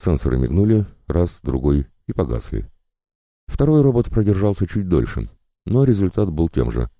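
Very deep-voiced male audiobook narrator. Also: big pitch swings, normal speed, mellow, dry recording, clean studio sound. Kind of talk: scripted narration.

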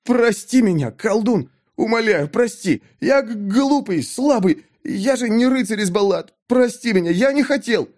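A man voicing a terrified young male guard who begs hysterically for forgiveness in high, pleading cries. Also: lively intonation, unhurried, few pauses, darkish tone. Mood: panicked pleading.

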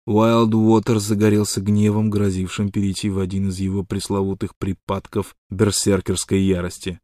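A man's voice: sits low, monotone, moderate pace, warm tone, no echo. Man narrating a story, dry close sound. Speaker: audiobook narrator. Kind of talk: scripted narration.

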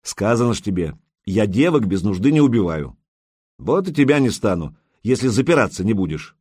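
A blunt young warrior prince, given voice by a male reader, gruff and dry in his mockery. The tone is low and husky, and the recording is close and dry. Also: big pitch swings, a little fast, a little mellow, no echo. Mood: curt. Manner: gruff, curt, mocking.

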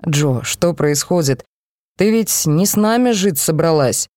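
A cocky young man in an audiobook, sarcastic and teasing, delivered in a low, dark, mellow tone, as a woman narrator reads him. The sound is dry and close to the mic. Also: expressive, unhurried, no echo.

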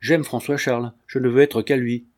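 A man voicing a frightened young woman in a read-aloud novel, speaking softly and then with quiet firmness. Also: mid-range voice, moderate pace, lightly acted. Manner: soft, then firmly repeating.

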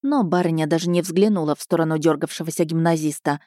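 A woman narrating a novel as a scripted audiobook, in a measured, even storytelling manner. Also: deep voice, no echo, studio quality.

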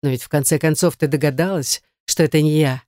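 A woman's voice: sits low, steady tone, quick pace, mellow, dry recording, clean studio sound, lightly acted. A woman voicing a cold, menacing young man, an ex-boyfriend who speaks with icy contempt. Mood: taunting.

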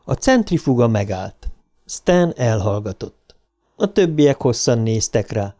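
Middle-pitched and warm, a man's mellow voice narrates an audiobook. He keeps the storytelling steady and measured.

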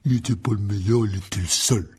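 Storybook giant gamekeeper, loud and slow, gruff and husky, read by a man. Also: on the low side.

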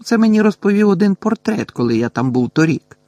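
A man's voice: sits high, sing-song, a little fast, warm tone, no room sound, pitched above the performer's own voice. A man voicing an eager, inquisitive schoolboy in an audiobook. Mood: impressed.

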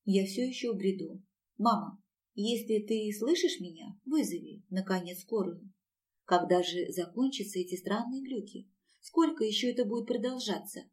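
A woman's voice: mid-range voice, normal speed, darkish tone, distant mic, close to an everyday voice. A woman voicing a flippant modern young heroine who talks in a dry, slangy, sarcastic way, recorded a little away from the mic. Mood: confused.

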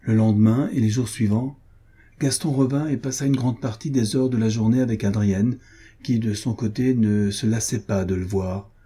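A man reading a nineteenth-century romance novel aloud in calm, measured narration. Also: fairly low pitch, slightly rough. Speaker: audiobook reader.

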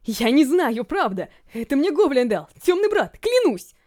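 A woman's voice: on the high side, lively intonation, moderate pace, warm tone, natural voice. A woman doing a hysterical captive man. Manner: sobbing, pleading, hysterical.

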